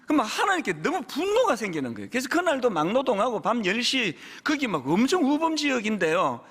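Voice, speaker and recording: A man's voice: extremely high pitch, wildly swooping pitch, brisk, a bit bright, husky. A middle-aged man, a pastor, preaching a sermon in a church and telling a story with emotional rises and sudden drops. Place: church sanctuary. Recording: reverberant church hall.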